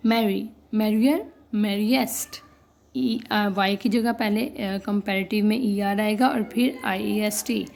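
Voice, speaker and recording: Young female grammar teacher, unhurried, slight vocal fry, keeps checking students follow, spells out suffixes. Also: mid-range voice, fairly even intonation. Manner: checks in constantly with "ठीक है?", spells out word endings letter by letter; addresses students as "बेटा", gently reassuring. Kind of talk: classroom-style grammar lesson mixing Hindi and English.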